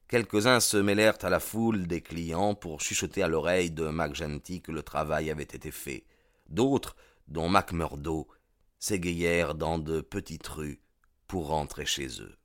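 Deep-voiced male audiobook narrator. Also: fairly bright tone, no room sound, clean studio sound. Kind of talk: scripted narration.

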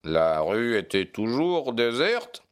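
A man voicing a sharp, impatient detective who speaks in a crisp, commanding way, in an audiobook reading. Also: mid-range voice, sing-song, takes it slowly, pitched above the performer's own voice. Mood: probing.

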